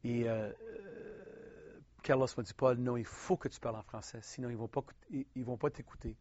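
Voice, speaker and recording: A man from Quebec with a Québécois French accent, preaching a personal testimony in an earnest, halting way with frequent restarts. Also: medium pitch, a little mellow, no room sound, muffled recording.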